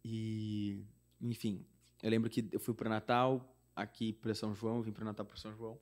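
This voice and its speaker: A man's voice: lowish voice, moderate pace. A young Brazilian man, a singer-songwriter guest, telling a personal story in casual chat, acting out the dialogue with many fillers. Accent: Brazilian Portuguese. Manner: animated, acts out quoted dialogue; frequent fillers like "tipo" and "não sei o quê".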